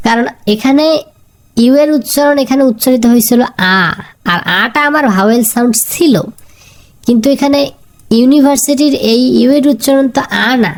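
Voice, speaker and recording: A woman's voice: a little high, a little mellow. A woman teaching a grammar lesson, who repeats the key sounds and keeps asking her students questions.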